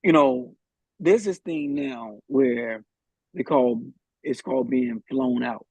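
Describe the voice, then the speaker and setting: Man, podcast guest, husky, gravelly, hesitant restarts, muffled lo-fi audio. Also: medium pitch, takes it slowly, darkish tone, no echo. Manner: hesitant, thinking aloud with restarts. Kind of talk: live podcast discussion.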